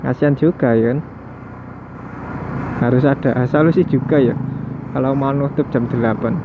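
Riding through night city streets, a motovlogger speaks at an ordinary speed in a steady, medium-pitched voice. He's chatty with his viewers, thinking out loud and letting out the occasional chuckle, and the headset mic worn in his helmet sounds tinny beneath heavy road noise.

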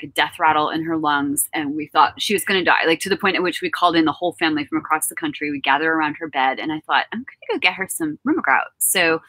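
Bubbly, bright-voiced woman telling stories. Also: deep voice, no room sound, low-quality recording. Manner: bubbly, laughing, storytelling. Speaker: author co-hosting a book event. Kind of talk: casual chat. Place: outdoor tent, on a laptop stream. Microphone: laptop mic.

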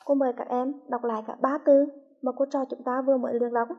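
A woman from Hue with a Vietnamese accent, a primary school teacher reading a lesson slowly and clearly to young children. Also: sits high, flat delivery, highs cut off. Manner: slow, clearly articulated, patient.

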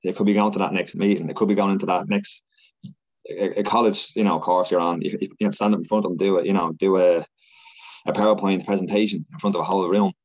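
An Irish man, a podcast guest, talking fast and animated in a casual interview chat. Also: low-pitched, highs cut off. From Ireland.

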